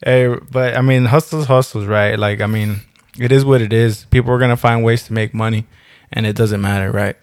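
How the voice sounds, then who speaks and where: A man's voice: lowish voice, fairly even intonation, fairly quick, no echo, studio quality. A young man co-hosting a podcast in casual banter, jokey and slangy, swearing freely. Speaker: podcast co-host.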